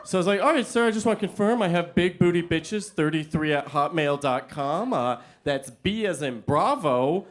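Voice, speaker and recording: A young American man performing a stand-up comedy set, telling stories in an animated way and acting out the other people in them. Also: on the high side, moderate pace, hardly any pauses. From United States. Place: comedy venue before a live audience.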